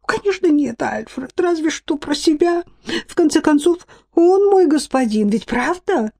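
A woman's voice: expressive, unhurried, gravelly, a little mellow, heavily acted. A woman voicing a fussy, plaintive lady. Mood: anxious, pleading. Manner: plaintive, self-pitying, swinging high. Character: fussy, emotional middle-aged woman. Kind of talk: audiobook reading.

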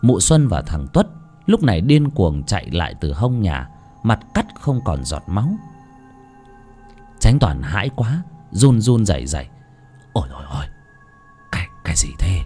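A man narrating an audiobook story in a dramatic, expressive way. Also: lowish voice, a little slow, soft background music.

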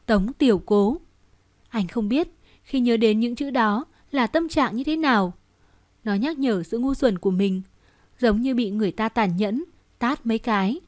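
A woman's voice: a little high, measured pace, darkish tone, no room sound, clean studio sound. Woman narrating a dramatic story. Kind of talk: scripted narration.

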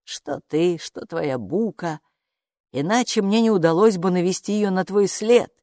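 A woman voicing a magical talking bathrobe, a calm male know-it-all who speaks in an unhurried, patronizing way in a storybook. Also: fairly low pitch, no room sound, clean studio sound, lightly acted. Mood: sly patronizing. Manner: unhurried, patronizing, calls her "friend".

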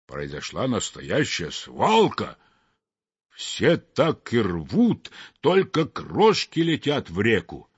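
Slow expressive male storyteller. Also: on the high side, breathy edge, no room sound. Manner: slow, expressive, wide-ranging. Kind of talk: scripted narration of a fairy tale. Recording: dull dry lo-fi recording.

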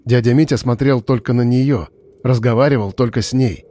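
A man's voice: mid-range voice, fairly even intonation, a little fast, mellow. Man narrating a tense audiobook. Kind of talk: scripted narration.

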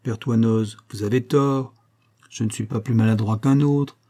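A man's voice: mid-range voice, fairly even intonation, moderate pace, dark tone, natural voice. A man reading aloud, voicing a carefree, persistent young coachman in a coaxing, easy-going manner. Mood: coaxing, cheeky.

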